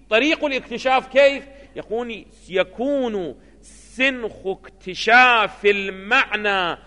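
High bright-voiced male lecturer. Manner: keeps asking rhetorical questions of students. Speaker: seminary lecturer. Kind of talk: classroom lecture. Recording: long hall reverb.

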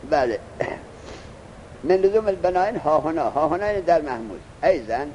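A man teaching a lesson. He reads the text slowly, explains it, and keeps asking his student questions. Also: fairly high pitch, animated, mellow, lo-fi sound, a little hiss or hum. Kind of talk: classroom lesson.

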